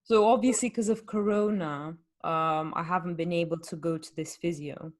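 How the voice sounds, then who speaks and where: In this casual podcast chat, a woman who coaches fitness speaks frankly, asking rhetorical questions as she explains. Her pitch is fairly low, her intonation fairly even, and her pace moderate.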